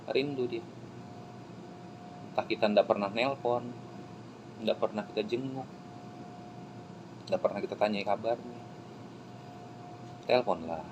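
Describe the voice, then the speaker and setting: A man preaching a sermon, swinging from hushed pleading to loud exclamations. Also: medium pitch, noisy background. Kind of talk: emotional sermon.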